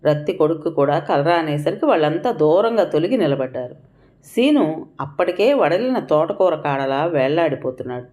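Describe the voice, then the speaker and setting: This is a woman with a low voice, narrating an audiobook story. She reads with feeling and gives the characters' pleas and cries her own emotional delivery. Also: expressive, normal speed, a little mellow.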